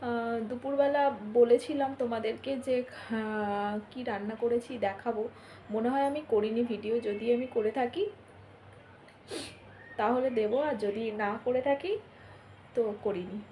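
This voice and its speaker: A woman's voice: on the high side, unhurried, pauses often, slight background noise. A young woman, chatting casually and rambling through her day in a home vlog, full of fillers. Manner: talks softly while others sleep. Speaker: vlogger. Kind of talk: casual daily-life vlog chat.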